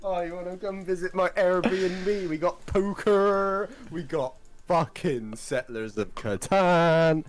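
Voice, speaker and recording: A friend on a voice call during a game stream, joking loudly and excitably, often shouting. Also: medium pitch, takes it slowly. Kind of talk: casual gaming banter.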